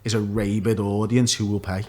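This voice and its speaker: A man's voice: on the low side, little pitch movement, moderate pace, a little mellow. A man, talking casually and offering opinions as an interview guest. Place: small office studio, indoors. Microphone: desk microphone.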